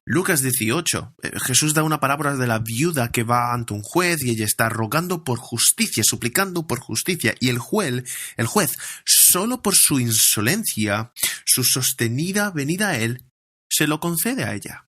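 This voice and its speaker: Male pastor, sermon, earnest, drawn-out scripture reading, repeats phrases. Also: mid-range voice, expressive, bright, forceful tone.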